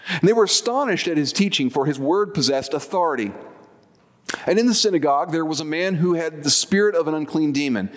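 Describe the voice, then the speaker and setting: A man's voice: fairly high pitch, lively intonation, a little fast, in a large hall. A man preaching a sermon, explaining scripture conversationally with personal asides. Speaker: pastor.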